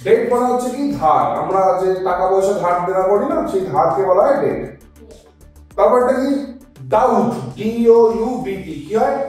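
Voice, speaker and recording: A woman's voice: mid-range voice, animated, normal speed, darkish tone, faint music behind. A woman teacher leading a classroom pronunciation drill, repeating each word and quizzing the class again and again. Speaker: English teacher. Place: classroom with children. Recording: very echoey room, distant mic.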